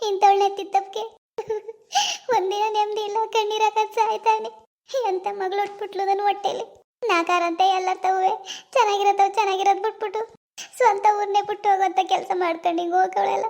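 A woman voicing a grieving elderly village mother who laments slowly and tearfully, in an animated village drama. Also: very high voice, creaky. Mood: weeping.

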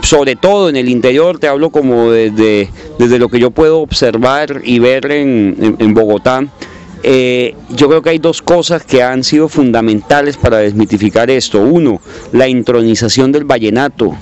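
A man of middle pitch thinks aloud in a measured, hesitant way, circling back to restart his phrases. The sound is dull and lo-fi, like an old local radio tape. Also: a little mellow. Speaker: interviewee. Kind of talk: reflective spoken commentary. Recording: dull lo-fi recording.

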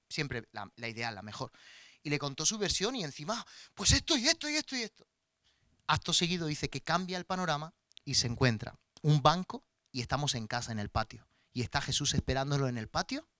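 A man's voice: medium pitch, no echo, clean studio sound. A middle-aged man, a pastor preaching a sermon and telling personal family stories to his congregation with passion. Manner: personal, impassioned storytelling addressed to the congregation; animated, acts out voices in anecdotes.

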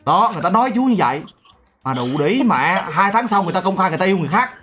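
A man's voice: sits high, lively intonation, rapid-fire, fairly bright tone. Young man, playful mock-serious streamer, faint music behind. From Vietnam. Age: 20s. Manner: teasing, mock-serious storytelling. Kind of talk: casual video-chat banter.

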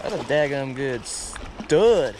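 Wading in a river, a young man who runs a fishing channel narrates with excitement and folksy outbursts. His pitch sits in the middle, and the head-mounted camera mic catches the rush of water around him.

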